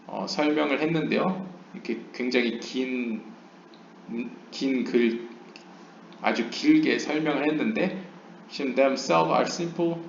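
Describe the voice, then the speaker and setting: Slow, gravelly lecturing man, echoey room. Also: mid-range voice. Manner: reads English passages slowly, then explains in Korean with frequent "어" fillers. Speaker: lecturer on Kabbalah. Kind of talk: lecture, reading text aloud and explaining. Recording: roomy, dull lo-fi home recording.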